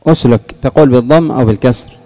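Male grammar teacher, mellow low voice. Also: racing, highs cut off. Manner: quizzing students by name, explaining patiently. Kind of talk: classroom lesson with questions to students.

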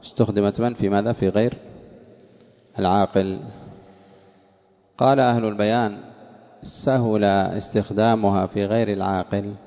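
A man with a fairly low voice teaches grammar at a slow, deliberate pace, asking questions and then answering them. The recording is dull and lo-fi, with a long reverb that sounds like a hall. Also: fairly even intonation. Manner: chants quoted verses. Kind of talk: classical Arabic grammar lesson.

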